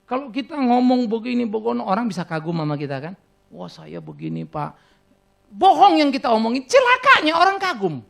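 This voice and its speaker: Man, Batak accent, middle-aged pastor, gravelly voice, swooping animated preaching. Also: extremely high pitch, fast talker. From Indonesia. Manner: storytelling, teasing the congregation, breaks into laughter. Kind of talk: sermon.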